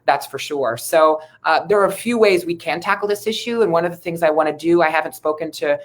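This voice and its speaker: Being interviewed as a guest, an Ohio city council member responds with an American accent in a deep voice. This local politician comes across as earnest and measured, keeping things conversational.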